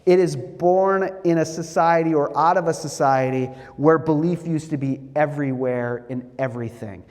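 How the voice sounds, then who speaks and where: A middle-aged man lectures in a wry, lively storytelling manner. His fairly high voice rings out with a long reverb, as if heard across a church sanctuary. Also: normal speed. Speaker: guest lecturer.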